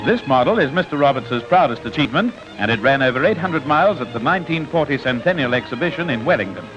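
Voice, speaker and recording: A man narrating an old newsreel in a brisk, jaunty scripted manner with wry asides, heard as an old newsreel soundtrack. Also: medium pitch, expressive. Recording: dull lo-fi old newsreel film sound with music.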